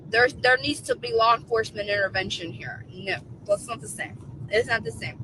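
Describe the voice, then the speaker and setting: A woman's voice: a little high, lively intonation, normal speed, noisy background. A woman in her forties chatting casually on a livestream, emphatic and repeating her points for effect. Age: 40s. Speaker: co-host of a livestream.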